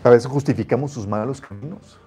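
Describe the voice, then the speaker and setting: Warm-voiced pastor preaching earnestly. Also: male voice, medium pitch, fairly quick, husky. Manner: earnest, emphatic preaching with repeated restarts. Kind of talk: sermon with scripture reading.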